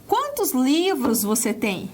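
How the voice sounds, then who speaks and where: Brazilian woman, high voice, patient English teacher with lots of "ok?" check-ins. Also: wildly swooping pitch, slow pace, noisy background. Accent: Brazilian Portuguese. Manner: explains step by step with many "ok?" checks. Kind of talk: recorded lesson.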